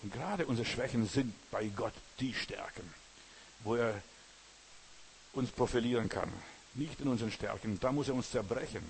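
A man preaching with earnest conviction, addressing each listener directly. His voice sits at an ordinary middle pitch. A faint hiss runs under the recording. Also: moderate pace, vocal fry, low-quality recording. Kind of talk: sermon.

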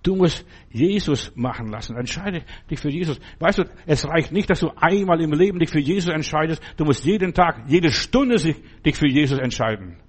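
A man's voice: fairly high pitch, expressive, normal speed, slightly rough. A middle-aged man preaching a sermon in a fervent, colloquial way, often checking in with his listeners. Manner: fervent, colloquial, keeps asking "verstehst du?".

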